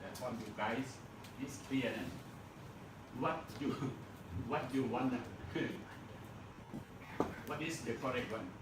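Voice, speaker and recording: A man with a Burmese accent teaching an English class, speaking slowly, repeating words and chuckling often. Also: mid-range voice. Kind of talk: classroom lecture. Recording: echoey classroom, mic far off, noisy.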